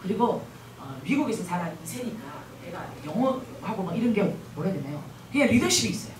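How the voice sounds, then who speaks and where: A woman speaking as a guest missionary at a church revival meeting. She talks in an animated way and keeps asking the audience questions. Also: medium pitch, a little fast, crowd noise. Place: large church hall. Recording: echoey hall, mic at a distance.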